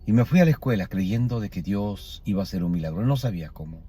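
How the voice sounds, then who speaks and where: A man preaching a sermon, telling a personal testimony in an emotional, soft and intimate way. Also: fairly low pitch, animated, quick pace, slight background noise.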